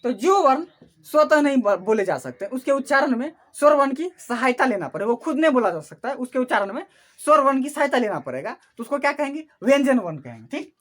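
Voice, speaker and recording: A woman's voice: high voice, big pitch swings, fast talker. A woman teaching an online class who asks questions and answers them herself, repeating each key term.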